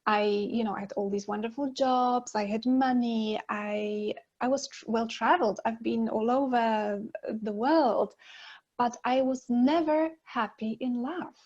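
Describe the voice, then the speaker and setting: Woman, forties, from Poland, chatty guest on a video call, fillers and laughs, slightly high voice, lo-fi sound. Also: a little slow, a little mellow. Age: 40s. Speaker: guest relationship expert. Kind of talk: casual interview talk. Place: living room at home. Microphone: earphone mic on a video call.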